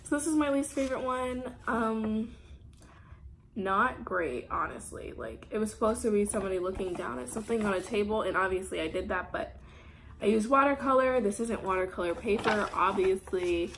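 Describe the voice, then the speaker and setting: Soft-spoken teen girl with a sore throat. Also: mid-range voice, moderate pace, crowd noise, rough recording. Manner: talking softly while eating. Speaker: art student vlogger. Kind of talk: casual chat. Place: home.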